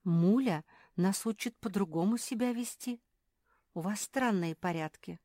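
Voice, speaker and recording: A woman's voice: medium pitch, measured pace, mellow, no echo, clean studio sound, pitched above the performer's own voice, close to an everyday voice. A woman voicing the youngest dog sister, curious and blunt, asking matter-of-fact questions in an audiobook. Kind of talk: audiobook character voice.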